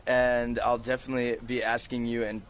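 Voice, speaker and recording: A man hosts a podcast in casual, informal chat, telling stories and swearing now and then. His mid-range voice is level, smooth and fairly quick. Recorded outdoors on a porch, the audio is rough with ambient noise.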